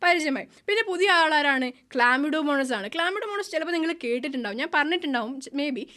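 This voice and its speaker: A woman with a Malayali accent gives a biology lesson in a high, quick voice. She mixes English science terms into her talk. She keeps quizzing the students and then answers her own questions. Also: expressive, bright, forceful tone. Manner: keeps asking questions and answering them herself. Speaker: biology teacher. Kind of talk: online class lecture.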